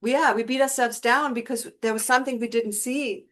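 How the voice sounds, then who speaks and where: A woman co-host talks in a reassuring, philosophical way. Her voice sits a little higher than most women's, and she explains her ideas calmly. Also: a little fast. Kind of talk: conversational interview talk.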